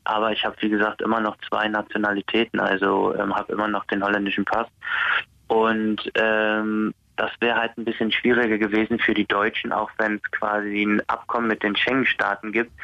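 In a casual interview, this inmate from the Netherlands, out on day release, stumbles through with many fillers and restarts. His lowish, creaky voice is monotone and sharp in tone, and he speaks fairly quickly. The audio is dry and dull, with a lo-fi quality.

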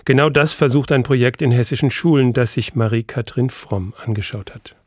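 A man hosting a radio culture program, announcing topics in a smooth, scripted way. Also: medium pitch, a little fast, a little mellow, no room sound, studio quality. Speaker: radio host. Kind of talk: radio magazine moderation.

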